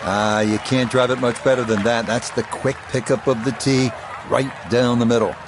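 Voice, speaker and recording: A man as a golf commentator, calling play in a measured, polished broadcast manner. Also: medium pitch, little pitch movement, close to an everyday voice. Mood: composed, approving. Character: composed male television golf commentator. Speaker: golf commentator, lead announcer. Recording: crowd and outdoor noise behind. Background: crowd ambience.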